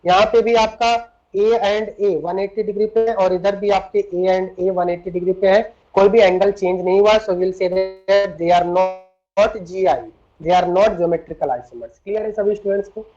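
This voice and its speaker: Hindi-English mixing chemistry teacher, dull recording. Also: male voice, high voice, steady tone, unhurried, mellow, soft background music. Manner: explains step by step, keeps asking students questions. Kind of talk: classroom lecture.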